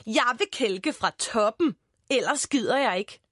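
A woman voicing a bossy, excitable little girl who shrieks and insists. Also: fairly high pitch, no echo, clean studio sound. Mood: excited.

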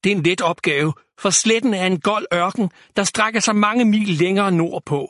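A man's voice: high voice, fairly bright tone, dry recording, clean studio sound. A man voicing a panicked young male elf border guard in a storybook, talking breathlessly and urgently.

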